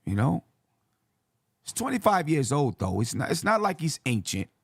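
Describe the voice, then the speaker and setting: A man with a hoarse, yelled-out voice hosts a casual sports commentary, conversational and repeating phrases for emphasis. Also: on the high side, big pitch swings, normal speed, dry recording, studio quality. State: hoarse voice from yelling. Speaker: sports show host.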